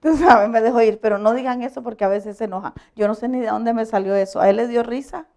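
Woman pastor, fairly high gravelly voice, lively sermon storyteller who laughs easily. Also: fast. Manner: animated storytelling, asks the audience for agreement; laughs often while preaching. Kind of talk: conversational sermon.

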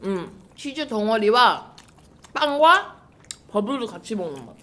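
A woman's voice: fairly high pitch, sing-song, measured pace, pushed and bright. A woman chewing while she talks, chatting and bickering with her brother on an eating show. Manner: teasing, bickering. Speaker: mukbang YouTuber.

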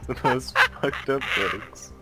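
A man chatting while gaming who speaks in a flat, monotone way. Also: medium pitch, takes it slowly. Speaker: gamer. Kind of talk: casual voice chat while gaming. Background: game music.

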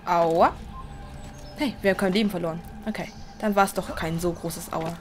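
A young woman hosting a let's play, chatty and excitable, often pleading and squealing at the game. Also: fairly low pitch, normal speed. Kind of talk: gameplay commentary. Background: game music.

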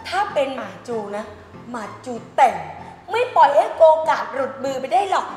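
A brash, bossy, crude-talking auntie. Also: female voice, sits high, animated, normal speed, soft background music. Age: middle-aged. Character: brash loud-mouthed woman nicknamed Ma Ju. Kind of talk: slapstick film comedy. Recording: roomy echo with long reverb.

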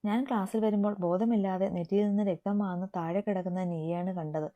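A woman's voice: medium pitch, fairly even intonation, fast talker, natural voice. A woman voicing a worried school teacher explaining what happened, in a story reading. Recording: tinny phone-like sound.

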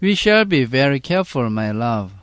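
A man reading the part of a calm father in a storybook, slowly and soothingly, then translating each line into Korean. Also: medium pitch, dry recording, clean studio sound. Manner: slow, soothing read-aloud.

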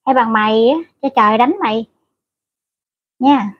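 A woman's voice: on the high side, steady tone, measured pace, highs cut off. A middle-aged woman hosting a casual livestream. She reads out viewer comments and scolds rude commenters bluntly and crudely. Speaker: livestream host.

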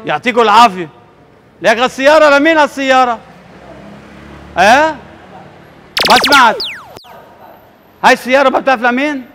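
A man's voice: very high-pitched, fairly quick, long pauses, bright, forceful tone, soft background music. A man pulling a street prank, insistently repeating his complaint to a driver. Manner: insistent, repeats himself, plays the wronged neighbor. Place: city street outdoors by parked cars.

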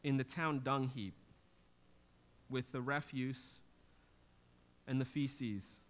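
A man in his thirties, a pastor, delivers a sermon on a small church stage that has a drum kit. His medium-pitched voice moves slowly as he explains scripture in an earnest teaching tone that lifts for emphasis.

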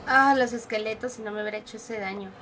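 Excitable high-voiced Mexican woman streamer. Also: quick pace, background noise. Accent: Mexican Spanish. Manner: excitable, giggly, banters with teammates. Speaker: game streamer. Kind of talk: live gaming commentary.

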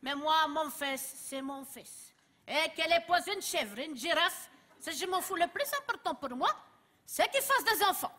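Brief: woman as a middle-aged mother, high and wheedling, stand-up sketch. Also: animated, normal speed, sharp tone. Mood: wry, knowing.

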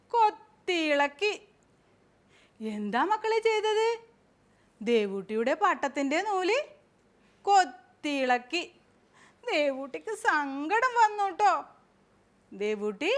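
A woman's voice: high-pitched, fairly bright tone. A woman kindergarten teacher telling a story to small children, coaxing and sing-song, stopping often to ask them questions.

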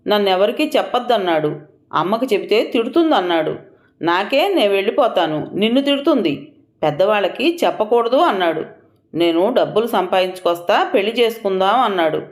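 A woman's voice: medium pitch, animated, fairly quick, lightly acted. A woman voicing a frightened, timid young village girl who speaks hesitantly. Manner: hesitant, pleading.

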